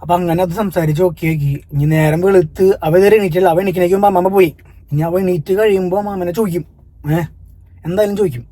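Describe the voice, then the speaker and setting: A man's voice: sits high, fairly even intonation, quick pace, mellow. A Malayali man telling a family story to his viewers, earnest at times and heated when he scolds commenters. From Kerala, India. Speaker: family vlogger. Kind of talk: casual vlog talk to viewers.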